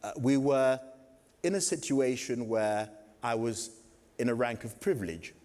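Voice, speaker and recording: A man's voice: mid-range voice, a little slow, darkish tone, big-room sound. An older man from Kenya giving an anecdotal storytelling talk at a theatre festival, wry and digressive with vivid asides. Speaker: guest speaker at a theatre festival. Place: theatre hall.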